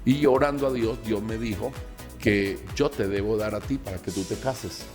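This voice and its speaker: A man, a pastor from Colombia, recounting a personal testimony and acting out the dialogue in an animated way. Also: lowish voice, moderate pace, long reverb tail, music in the background.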